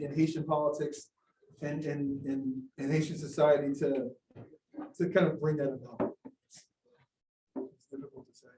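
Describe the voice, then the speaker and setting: A fairly high-pitched man with a darkish tone is the guest speaker at an academic Q&A talk, answering audience questions. He's hesitant, with lots of fillers and restarts. The recording, made from a distance in an echoey lecture room, carries a bit of hiss or hum.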